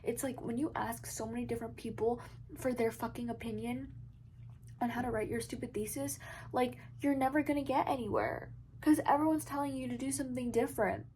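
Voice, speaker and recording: Young woman, casual confessional vlog, high-pitched, frank and profane, quiet room tone behind. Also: brisk, far from the mic, slight background noise. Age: young adult. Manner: candid, swearing, emotional swings. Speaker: vlogger, college student.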